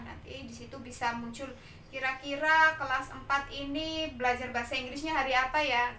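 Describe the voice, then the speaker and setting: A woman's voice: sits high, pushed and bright, echoey room, recorded from a distance, slight background noise. A woman teaching English to young pupils, patiently explaining exam material, often checking in with little tag words. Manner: patient, repeats and checks with "ya" and "nah".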